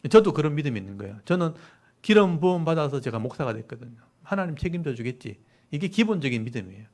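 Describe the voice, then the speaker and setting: A man preaching a sermon as pastor, reading verses aloud and explaining Hebrew words to his congregation. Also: fairly high pitch.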